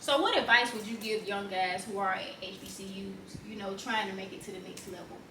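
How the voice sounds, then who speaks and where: A woman with an Alabama Southern accent runs a casual interview, tossing in encouraging affirmations. Her voice is bright and punchy, picked up at some distance in an echoey space with faint noise. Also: mid-range voice, fairly quick. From Montgomery, Alabama, USA. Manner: informal, encouraging, frequent affirmations. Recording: roomy echo, distant mic, faint noise.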